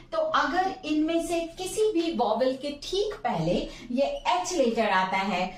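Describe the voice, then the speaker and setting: A woman teaching English pronunciation in Hindi and English, calling her viewers friends and repeating words slowly. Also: sits high, echoey room, far from the mic, a little hiss or hum, poor audio.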